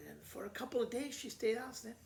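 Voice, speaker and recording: Very high-pitched yet gravelly and a little mellow, the voice of this school principal is expressive and fast as he reads a children's story to pupils. He keeps the telling simple and conversational, explaining it informally, amid roomy echo and faint background noise.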